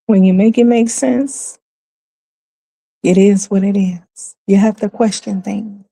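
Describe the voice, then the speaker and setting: A woman's voice: medium pitch, steady tone, slow pace, creaky, mellow, no room sound, rough recording. A woman talking through a casual monologue, emphatic and repeating phrases to drive points home. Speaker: commentary vlogger.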